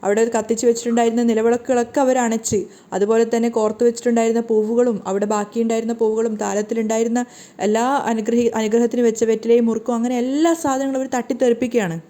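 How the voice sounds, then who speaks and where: A woman narrating a serial recap in a measured storytelling manner. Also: on the high side, flat delivery, dark tone.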